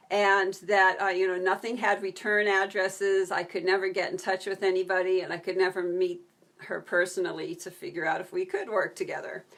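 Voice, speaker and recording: A woman's voice: lowish voice, fairly bright tone. Chatty woman telling a story live. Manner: chatty, answers viewer comments mid-story. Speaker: video creator on a live stream. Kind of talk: casual storytelling on a live stream.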